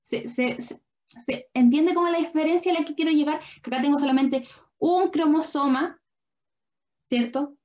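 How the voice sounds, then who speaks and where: A woman's voice: sits high, moderate pace, a little mellow. A young woman, a biology tutor patiently explaining a lesson and often checking that students follow. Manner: patient, checks understanding with frequent questions. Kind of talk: online lesson explaining at a drawing board. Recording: dull lo-fi online class audio.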